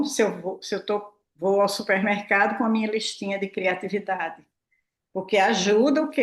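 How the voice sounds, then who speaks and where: A woman, talking casually and expressively to her audience as a prosperity mentor, acting out her own remarks. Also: medium pitch. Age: 60s. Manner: chatty, expressive, acts out her own quotes, tag questions. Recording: roomy echo.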